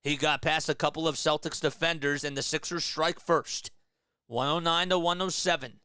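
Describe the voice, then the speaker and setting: Young male fan commentator, fairly high clear voice, dry close mic, excitable calls. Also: normal speed, no room sound. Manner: excitable, yells at big plays, drops to a hushed mutter between plays. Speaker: fan play-by-play streamer. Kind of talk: live fan play-by-play commentary.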